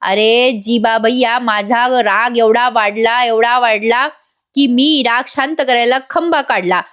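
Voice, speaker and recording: A drunk, self-pitying young man rambles slowly in a high voice, dropping in Hindi words, as a woman puts him on. He sounds loose and sorry for himself throughout. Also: steady tone, a bit bright. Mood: tipsy rambling. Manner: slow, slurred, mixing in Hindi words.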